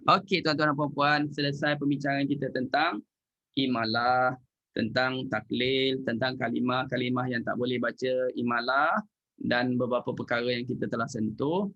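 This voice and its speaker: A man with a Malaysian Malay accent teaching Quran recitation in an online class, recites verses slowly and explains casually. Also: mid-range voice, fairly even intonation, a bit bright, highs cut off. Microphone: video call.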